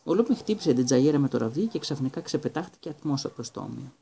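A man reading a Greek audiobook in a steady, even storytelling manner. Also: mid-range voice, gravelly, a little hiss or hum. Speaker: audiobook reader. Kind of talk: audiobook narration.

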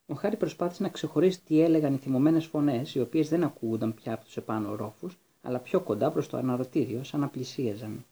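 A man narrates a storybook in a steady, measured way. His voice is dark and mellow, with a husky grain. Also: medium pitch. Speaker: audiobook reader.

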